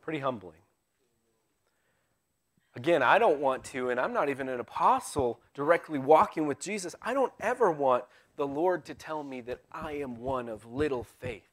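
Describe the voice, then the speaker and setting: A man preaching a live sermon in a church in a conversational way, with wry asides, swinging between loud emphasis and hushed tones. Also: on the high side, expressive, normal speed. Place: church sanctuary.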